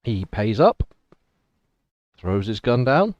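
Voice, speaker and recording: A man's voice: on the low side, sing-song, slow pace, darkish tone, no room sound, dull audio. A man acting as game master, casually improvising narration for a tabletop role-playing game.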